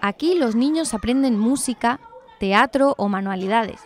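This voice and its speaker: A woman with a Chilean accent reading a scripted news report in an even, measured way. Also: fairly high pitch, a little hiss or hum.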